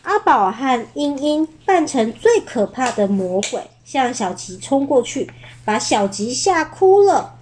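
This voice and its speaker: Woman slowly reading a storybook aloud. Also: high voice, sing-song, a little hiss or hum. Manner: gentle, unhurried, pauses to ask the listener questions.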